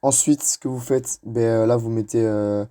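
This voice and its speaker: A man's voice: medium pitch, fairly even intonation, normal speed, dark tone. A young man, explaining step by step with many fillers and restarts. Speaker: YouTuber. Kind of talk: screen-recorded tutorial narration.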